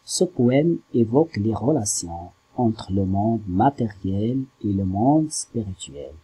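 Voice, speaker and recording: Un homme, professeur de littérature, qui explique un poème lentement et en hésitant, en découpant les syllabes. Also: male voice, fairly low pitch, very animated, mellow, slightly rough, rough recording. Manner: slow, hesitant, spells out syllables. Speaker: French literature teacher. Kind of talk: slow classroom explanation.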